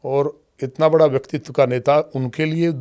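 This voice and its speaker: A man who is a state legislator, answering interview questions at length in a measured storytelling way and using formal honorifics for other leaders. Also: fairly high pitch, steady tone, a little mellow, clear, resonant tone. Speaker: politician guest, state legislator. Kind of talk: long-form podcast interview answers.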